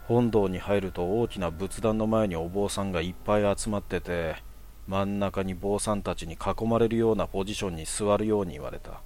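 A young man telling a personal horror story in a hushed, casual way. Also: low-pitched, steady tone, fairly quick, slight background noise.

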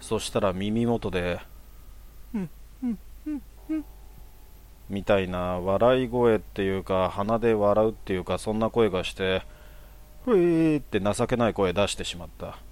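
A young man telling a personal horror story in a hushed, casual way. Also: lowish voice, steady tone, normal speed, hardly any pauses, clean tone.

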